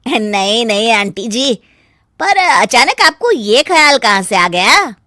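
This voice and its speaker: A woman's voice: a little high, sing-song, slow pace, pushed and bright, no echo, clean studio sound, heavily acted. A woman voicing an easygoing young man in a cartoon, teasing and laughing things off. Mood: friendly. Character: young adult man, easygoing guest brother. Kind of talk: cartoon dubbing.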